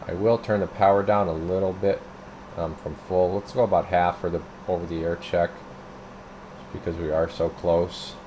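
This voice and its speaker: Deep-voiced and moving at a moderate pace, a radio technician talks his way through an unscripted CB radio demo, muttering and thinking aloud as he works. It's casual narration in a noisy room with a steady hum of equipment.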